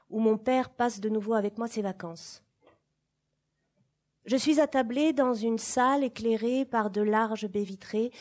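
Female audiobook reader, literary fiction, slow and airy, measured but expressive delivery. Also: mid-range voice. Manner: measured, expressive reading with sudden swells and hushed drops. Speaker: reader of a novel.

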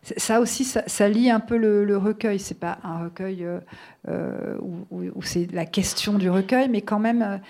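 A woman author talking about her fiction and reading a passage of it aloud in a measured, thoughtful way. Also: medium pitch, darkish tone.

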